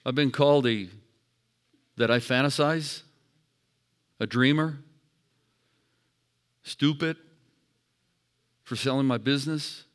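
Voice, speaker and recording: A middle-aged male pastor preaching a sermon, swinging from hushed storytelling to shouted calls for praise. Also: mid-range voice, takes it slowly, pauses often.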